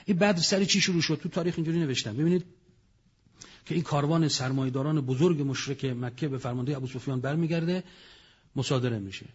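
A man's voice: fairly high pitch, breathy edge, highs cut off. A man giving a religious lecture, telling history with dramatic storytelling and sudden raised outbursts. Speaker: preacher.

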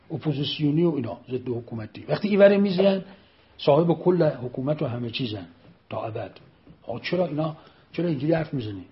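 A man giving an emphatic political speech, repeating phrases and firing pointed rhetorical questions. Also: fairly high pitch. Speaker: speaker addressing an audience. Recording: dull lo-fi recording.

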